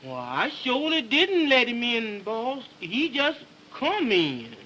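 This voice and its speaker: An actress playing a grumbling, sassy housekeeper in an early 1930s film. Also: female voice, a little high, wildly swooping pitch, slow, pushed and bright, slightly rough, dull audio, full character voice. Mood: defensive. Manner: drawling, muttering, talks back.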